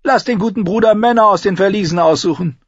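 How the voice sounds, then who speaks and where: Sardonic dwarf lord, pitched well up, loud and mocking, husky, lo-fi audiobook. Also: male voice, quick pace, dry recording. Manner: sardonic, teasing, raised and loud. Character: quick-witted mocking dwarf nobleman, adult man.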